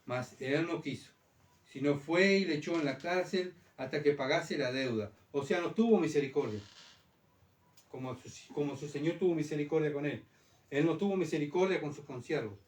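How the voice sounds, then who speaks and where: A man preaches a sermon in a slightly high voice. He keeps asking the congregation rhetorical questions and repeats his main points. The sound is roomy, picked up from well back in a church hall. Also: normal speed, a little mellow, far from the mic. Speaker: pastor.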